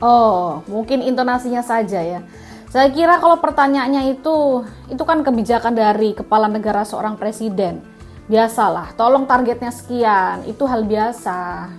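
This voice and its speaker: A woman's voice: a little high, soft background music, natural voice. A woman voicing a middle-aged male presiding judge who questions sharply and jokes, reenacting a court scene on a news show. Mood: joking rebuke. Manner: rapid insistent questioning.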